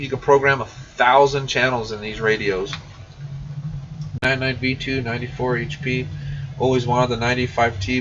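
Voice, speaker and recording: A man with a mid-range, fairly bright voice hosts a casual shop livestream, reading and answering viewer comments in a folksy, informal way. The mic sounds muffled and distant, with faint noise.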